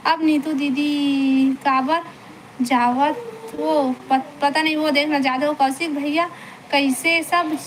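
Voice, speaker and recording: Woman, Chhattisgarhi accent, high voice, chatty live-stream talk, noisy phone audio. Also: fairly even intonation, slow. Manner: chatty, coaxing, greets viewers by name. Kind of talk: casual live chat reading viewer comments.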